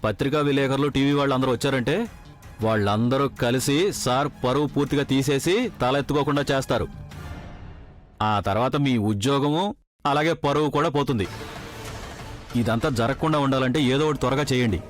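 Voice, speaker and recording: Deferential constable, played by a man; steady mid pitch, pleading, score under. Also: moderate pace, lightly acted. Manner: pleading, respectful. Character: anxious deferential male police constable. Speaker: police constable. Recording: TV serial with background music.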